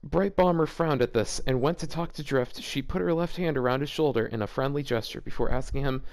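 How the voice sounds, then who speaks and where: The recording is dry, capturing a man with a medium-pitched, darkish voice, vocal fry and a fairly quick pace. He hosts a laid-back fan fiction reading for a video series, wandering off into joking asides.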